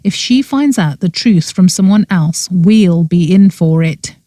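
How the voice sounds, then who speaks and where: A sensible, insistent young witch, played by a woman narrator in a cozy mystery audiobook. She speaks firmly and earnestly in a mellow voice, recorded dry. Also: on the low side, animated, unhurried, no echo. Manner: firm, earnest.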